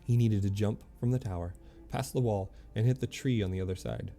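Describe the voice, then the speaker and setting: A man streaming a game, reading its lore aloud in a halting way, often stumbling and correcting himself. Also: fairly low pitch, mellow, faint music behind.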